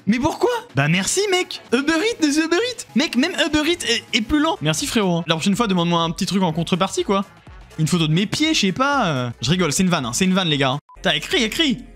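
A man's voice: high-pitched, big pitch swings, fairly quick, fairly bright tone, faint music behind. A man streaming a video game, joking with his chat in a casual, exclamatory way. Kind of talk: casual live-stream gaming commentary.

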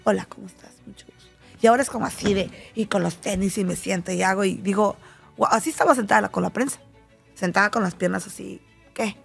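A middle-aged Mexican woman speaks as a talk-show guest, her voice slightly gravelly. She tells personal stories animatedly, slipping into the voices of the people she quotes. Faint music plays underneath. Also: medium pitch, fast. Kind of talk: casual talk show conversation.

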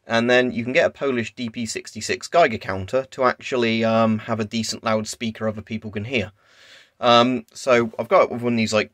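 A man with a voice on the low side and a bit bright talks casually and off the cuff while demonstrating a gadget on camera in a small carpeted room at home. He's a video creator who demos gadgets, and the dry, studio-quality recording clearly picks up background noise, including a Geiger counter's clicks and crackle.

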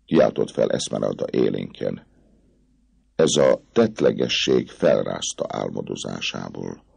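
A man reading a classic novel aloud as an audiobook narrator, in an expressive, dramatic way. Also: a bass voice, creaky, husky, dry recording.

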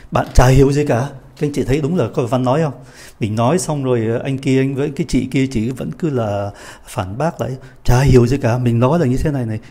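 A man who speaks Vietnamese as his first language, teaching French grammar, patiently reading the French examples slowly with a Vietnamese accent. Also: medium pitch, warm tone. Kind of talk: explaining grammar in a lesson.

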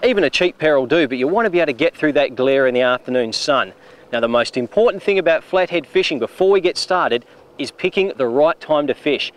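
A middle-aged Australian man hosting a fishing show, explaining technique on a riverbank and getting excited when fish bite. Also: a little high, brisk. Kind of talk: on-location fishing demonstration. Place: outdoors on a river beach.

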